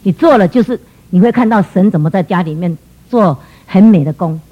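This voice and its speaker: A middle-aged woman giving an earnest, emotional church testimony, telling a personal story with lively quoted dialogue. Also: on the low side, a little fast, breathy edge, muffled recording.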